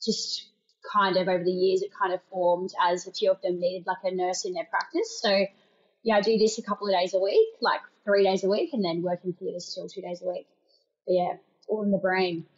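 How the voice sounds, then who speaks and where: A woman's voice: on the low side, steady tone, fairly quick, highs cut off. A young Australian woman from Queensland, a guest on a podcast, chatting casually and laughing often. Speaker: guest, nurse. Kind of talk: casual interview chat.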